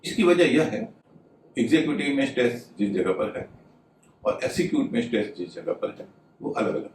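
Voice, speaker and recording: A man gives a methodical video lesson on pronunciation, spelling words out letter by letter. His voice sits at an ordinary pitch and sounds a little off-mic. The room is echoey, with a faint hum behind him. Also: sing-song, fairly quick. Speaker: English pronunciation teacher. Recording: roomy, slightly distant mic with faint ambience.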